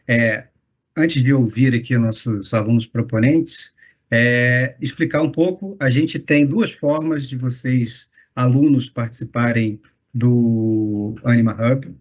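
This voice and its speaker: Homem apresentador em chamada abafada. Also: male voice, medium pitch. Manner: rambling, many filler pauses. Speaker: meeting host explaining the program. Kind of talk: online meeting talk. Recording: muffled call audio.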